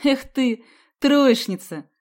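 A woman's voice: medium pitch, animated, moderate pace, warm tone, close to an everyday voice. Woman doing a cocky teasing schoolboy. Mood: mocking. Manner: boastful, mocking.

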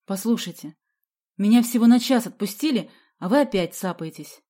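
A woman's voice: medium pitch, expressive, normal speed, mellow, natural voice. A woman voicing a serious teenage girl who leads her friends and speaks in a gloomy, curt way. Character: serious, strict teenage girl Galya, group leader.

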